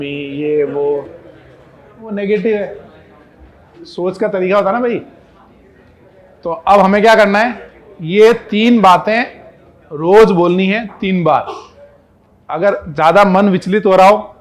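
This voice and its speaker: A male chemistry teacher with an Indian accent, giving a classroom lecture in a conversational, coaxing way and often putting questions to his students. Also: fairly high pitch.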